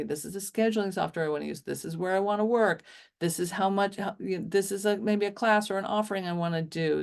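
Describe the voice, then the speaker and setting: Chatty, excitable woman coaching on a call. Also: on the low side, vocal fry. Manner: enthusiastic, chatty, many fillers and restarts. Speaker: business coach for bodywork practitioners. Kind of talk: casual teaching talk on a video call. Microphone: video call.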